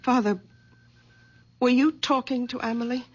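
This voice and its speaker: An actress in a 1970s radio drama plays a worried, caring middle-aged daughter, speaking gently and pleadingly. Her female voice is a little high and natural, at a moderate pace, with the highs cut off.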